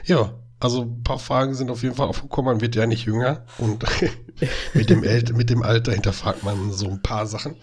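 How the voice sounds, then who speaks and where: A man's voice: medium pitch, fairly quick, a little mellow, slightly rough. A man in his mid-thirties co-hosting a podcast in casual chat, making dry, teasing short remarks. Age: 30s. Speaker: podcast co-host.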